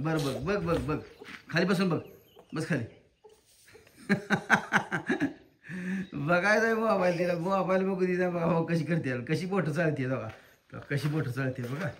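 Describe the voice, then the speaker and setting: A man's voice: a little high, sharp tone, slight background noise. A man vlogging at his village home outdoors, coaxing and scolding the children and calling out to them. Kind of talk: casual family vlog.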